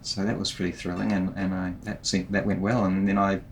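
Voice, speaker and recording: A middle-aged guest guitarist with a New Zealand accent chats in a casual interview, relaxed and self-deprecating, laughing often and restarting his sentences a lot. His voice sits low and moves fairly quickly, with a little hiss or hum in the recording.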